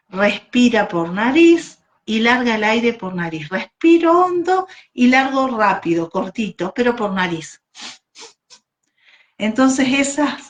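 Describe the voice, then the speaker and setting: A woman with a Rioplatense accent, a yoga teacher trainer, telling a children's story in a slow, sing-song voice and leading breathing exercises. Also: mid-range voice. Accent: Rioplatense Spanish. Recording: echoey room.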